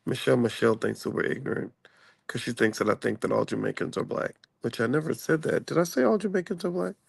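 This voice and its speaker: A channel host talks politics in a rambling, conversational way, restarting often, while traveling and waiting in a room before a flight. His mid-range voice is gravelly and husky, he talks fast, and the recording is dry.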